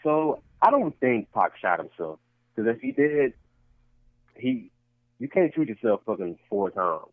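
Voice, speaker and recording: A man co-hosting a casual podcast speaks a little slowly in a medium-pitched voice with big pitch swings, captured on a dry, tinny lo-fi recording. Arguing his side of the chat, he repeats himself and restarts points again and again.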